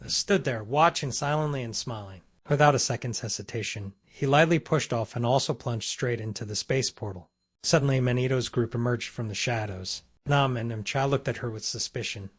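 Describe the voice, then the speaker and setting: Guy doing a steady scripted comic recap, normal mid pitch. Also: normal speed. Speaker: recap narrator. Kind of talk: scripted narration.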